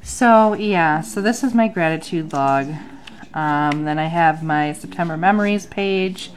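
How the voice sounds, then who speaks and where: Speaking a little slowly in a low voice, a woman in her thirties who vlogs about bullet journaling talks casually through her journal. She sits at a home desk under an overhead light, sounds nasal because of a sinus infection, and drops plenty of ums.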